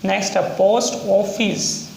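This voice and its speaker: A man's voice: high voice, little pitch movement, creaky, a little mellow. Male tutor, repetitive and patient in delivery; echoey room, faint hiss behind. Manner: repetitive, spells words out slowly for learners. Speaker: shorthand teacher. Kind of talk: classroom lesson.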